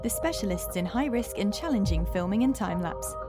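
A woman's voice: medium pitch, expressive, fairly quick. Woman reading a sponsor message over music. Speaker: sponsor announcer. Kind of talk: scripted ad read. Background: loud music.

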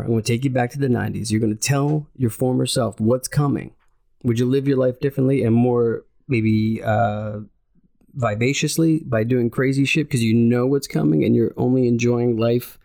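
A man's voice: mid-range voice, vocal fry, a little mellow. A man in his late thirties, a comedian guest on a podcast, rambling in casual chat with lots of "like" and "you know". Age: 30s.

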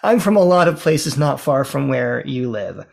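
A man's voice: medium pitch, big pitch swings, moderate pace, creaky, darkish tone. A man from the American South, a rabbi himself, interviewing a guest in a conversational way and asking open questions. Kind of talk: casual interview.

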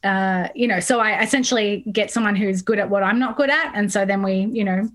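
A woman in her thirties, a songwriter being interviewed, talking in a chatty, animated way with frequent laughs. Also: medium pitch, a little fast. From Australia. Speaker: songwriter guest. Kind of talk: casual interview chat.

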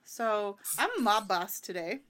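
A woman's voice: mid-range voice, a little slow, a bit bright. A woman co-hosting a podcast in casual, giggly, teasing banter. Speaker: podcast co-host. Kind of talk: casual chat.

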